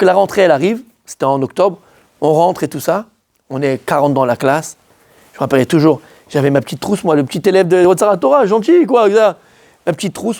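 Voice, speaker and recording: A man from France, a rabbi, telling a personal story in a lively, animated way, often acting out his own words. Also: high-pitched.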